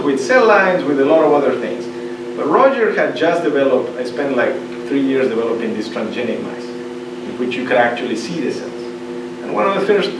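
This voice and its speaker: Man in a noisy echoey room. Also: mid-range voice. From Ecuador. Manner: animated, conversational, many restarts. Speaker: invited speaker. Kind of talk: career advice talk to postdocs. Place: seminar room. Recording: roomy, distant, noisy room recording.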